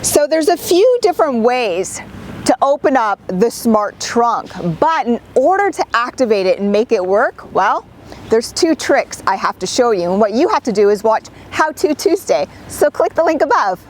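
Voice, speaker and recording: A woman's voice: on the high side, big pitch swings, normal speed, a little hiss or hum. A woman reviewing a car, chatty and enthusiastic as she walks through its features. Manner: chatty, enthusiastic, with little laughs. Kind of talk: upbeat car review walkthrough.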